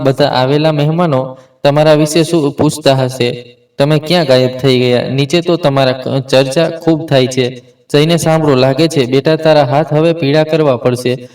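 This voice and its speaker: Man narrating from a distance. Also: mid-range voice. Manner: reads all parts in one steady voice, with small slips and restarts. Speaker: storyteller. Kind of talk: scripted narration of an emotional family story.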